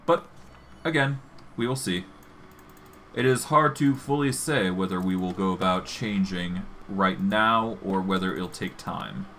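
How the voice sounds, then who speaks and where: A man's voice: sits low, unhurried, sharp tone, slight background noise. A man streaming a video game, giving commentary and reading the game's text aloud.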